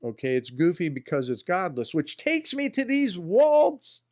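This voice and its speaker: A man's voice: high-pitched, huge pitch swings, normal speed, darkish tone. A man hosting a political commentary show in a folksy, rambling style, often talking to himself. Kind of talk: casual spoken commentary.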